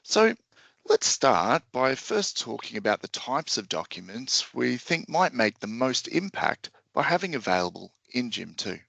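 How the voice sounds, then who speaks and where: A man hosting a software webinar in a friendly, upbeat, scripted way. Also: mid-range voice, sing-song, unhurried, gravelly, no echo. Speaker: webinar host.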